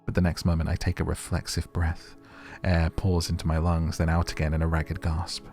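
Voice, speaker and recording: A man with a very low voice and a creaky edge narrates a dark game story aloud. His reading is measured and theatrical, though the melody stays narrow. Music plays behind him. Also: monotone. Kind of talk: dramatic narration of a visual novel.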